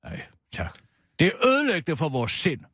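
A man's voice: a little high, huge pitch swings, fairly bright tone, husky, dry recording, studio quality, full character voice. A man playing a grumpy, pessimistic middle-aged woman who rants scornfully and swears a lot in a radio comedy sketch. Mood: indignant. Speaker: comic radio character.

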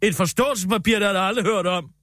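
A man's voice: sits high, fairly bright tone, no echo, studio quality. A man voicing a paranoid, indignant middle-aged woman columnist in a comedy radio sketch, rambling in aggrieved complaints.

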